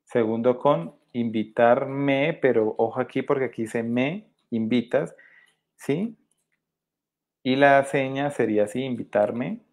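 A man's voice: mid-range voice, takes it slowly, a little mellow. Man teaching with constant "¿sí?" checks. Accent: Colombian Spanish. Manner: explanatory, frequent checking "¿sí?". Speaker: sign language teacher. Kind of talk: live-streamed virtual workshop. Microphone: webcam.

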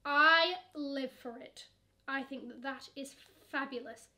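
Her voice sits high and sounds pushed and bright, and she takes things slowly. The speaker is a young fashion vlogger from England, sitting at her camera in a shoe-shelved bedroom, sassily raving about luxury online shopping and calling bags "she."

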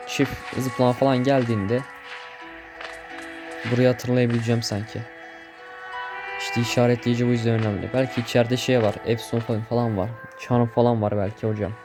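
A young man chatting casually while playing a video game, getting easily startled, swearing and joking at what happens on screen. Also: medium pitch. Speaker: gameplay streamer. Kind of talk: casual gameplay commentary. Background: game music.

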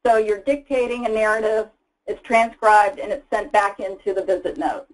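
A woman's voice: mid-range voice, normal speed, low-quality recording. Woman presenting a slide webinar. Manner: casual, explanatory, frequent fillers. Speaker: product presenter. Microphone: voice-over for slides.

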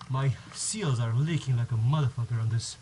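The man here has a medium-pitched voice and talks at a normal speed, but the recording is very noisy. He's a vlogger doing a casual how-to outdoors on a driveway beside a garage, wearing an action cam on his head, rambling and restarting sentences as he explains step by step.

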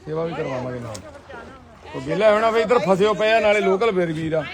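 High-voiced man coaxing children onto a boat. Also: expressive, vocal fry, a crowd in the background. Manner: coaxing, gentle with children, brisk with helpers. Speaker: flood rescue volunteer. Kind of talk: shouted directions and soothing children during a rescue. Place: outdoors on a boat in floodwater. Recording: noisy outdoor rescue with boat and water sounds.

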